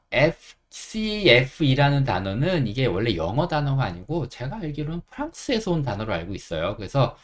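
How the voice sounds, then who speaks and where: A middle-aged man explains English pronunciation to complete beginners, breaking each word into single sounds. He speaks at a medium pitch with a lively rise and fall, calm and reassuring, and slows right down to model each sound. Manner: patient, repeats sounds slowly and reassures learners. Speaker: English teacher.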